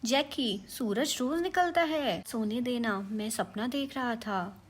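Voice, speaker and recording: Woman voicing a timid chubby rabbit boy, high pitched, slow, nervous, joking, storybook voice. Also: breathy edge. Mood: sleepy. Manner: nervous, jumpy, quick with jokes. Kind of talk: storybook character voice.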